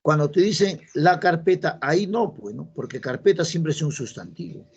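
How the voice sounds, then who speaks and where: A man's voice: a little high, lively intonation, normal speed, husky, dull audio. A male teacher from Peru explaining a grammar lesson step by step and checking in with his students. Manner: explains step by step, asks the class checking questions. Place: classroom.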